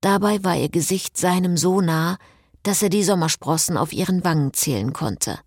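A woman reading a novel aloud as narrator in an expressive style. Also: fairly low pitch, normal speed, creaky, dry recording, clean studio sound. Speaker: audiobook narrator. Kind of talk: scripted narration.

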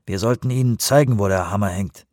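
A man's voice: lowish voice, a little fast, darkish tone, no echo, clean studio sound, natural voice. A man doing a growling, bitter fisherman. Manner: growling, blunt. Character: gruff bitter middle-aged fisherman.

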